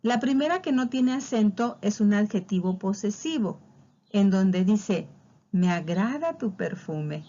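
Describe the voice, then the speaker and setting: A woman's voice: medium pitch, animated, measured pace, dark tone, highs cut off. A woman teaching a spelling lesson, patiently walking through examples and drawing out key words. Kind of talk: spelling lesson explained over slides.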